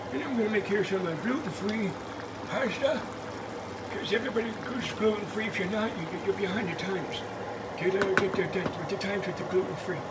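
A man's voice: high voice, recorded from a distance, heavy background noise, natural voice. A middle-aged man playing a silly, distracted old grandpa who cooks in his home kitchen and keeps stumbling over his words. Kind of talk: comedic cooking vlog. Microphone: handheld phone camera.

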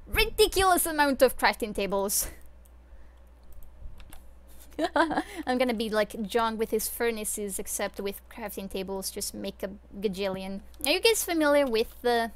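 Her voice sits on the high side, lively in intonation, at normal speed with few pauses, as this young Swiss woman chats through a live gameplay stream. Speaking into a desk microphone in her home room, she rambles with many fillers and little laughs.

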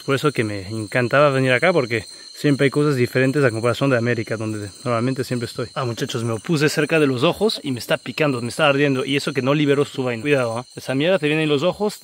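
Man, wildlife vlogger, excitable, curses a lot, rapid speech, loud cricket noise. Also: mid-range voice. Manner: excitable, swears constantly. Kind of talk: handheld outdoor vlog narration. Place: jungle at night, outdoors. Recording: loud insect noise outdoors. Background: insects and frogs chirping.

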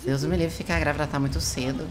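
A woman's voice: sits low, fairly even intonation, fast talker, over a noisy crowd. A young woman streaming a game role-play, chatting in a playful, theatrical, jokey way.

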